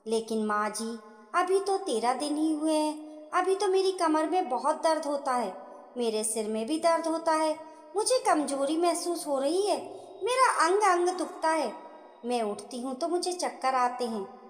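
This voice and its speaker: A worn-out young mother pleads softly, voiced by a woman narrator, her voice fairly high and lilting. The reading rings in an echoey room with a long reverb. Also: expressive, unhurried. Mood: pleading. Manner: soft, pleading.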